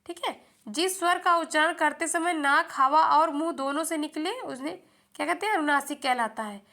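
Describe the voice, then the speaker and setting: A woman's voice: high-pitched, moderate pace, sharp tone. A young woman teaching an exam-prep lesson, often repeating a question back to the viewer before answering it herself.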